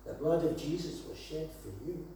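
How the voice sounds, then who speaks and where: A man preaching to a small congregation in an earnest, emphatic way, leaning on repeated phrases. His voice is mellow and sits a bit high for a man. It is recorded from a distance in a very echoey room, with faint ambience behind him. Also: steady tone, moderate pace, a little hiss or hum. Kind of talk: sermon. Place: gathering of a small congregation, streamed online.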